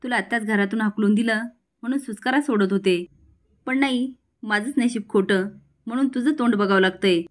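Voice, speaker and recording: A woman's voice: fairly high pitch, a little fast, lightly acted. A bitter middle-aged aunt, read by a woman narrator taunts and scolds in a family drama retelling. Her lines are harsh and scornful. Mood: taunting.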